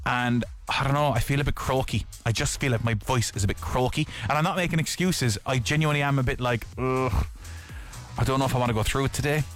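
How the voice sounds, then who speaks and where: Speaking at a quick pace in a mid-range voice, a male radio host runs a chatty, jokey breakfast show and hands out tickets. Faint music plays behind him in the studio.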